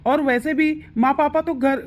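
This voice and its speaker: A woman's voice: sits high, fairly even intonation, moderate pace, natural voice. A woman voicing an irritated young husband in a cartoon who complains a lot. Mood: grumbling. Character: young husband, easily swayed. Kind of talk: cartoon voice acting.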